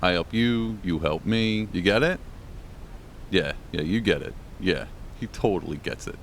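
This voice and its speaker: A man playing a smarmy cult leader who talks in fast, chummy salesman patter. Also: sits low, expressive, a little hiss or hum.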